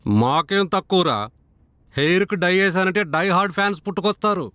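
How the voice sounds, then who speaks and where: An actor playing a boastful elderly landlord who has come to collect rent. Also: male voice, sits high, quick pace, bright, forceful tone, smooth, no room sound, studio quality. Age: older. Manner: boastful, teasing. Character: vain elderly landlord, widower.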